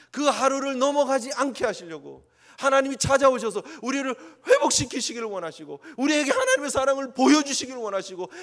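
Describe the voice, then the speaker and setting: A man's voice: very high voice, fairly bright tone. A male pastor preaching an impassioned sermon, sometimes acting out quoted voices. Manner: impassioned, acts out God's voice in quotes. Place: church sanctuary. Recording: long church reverb.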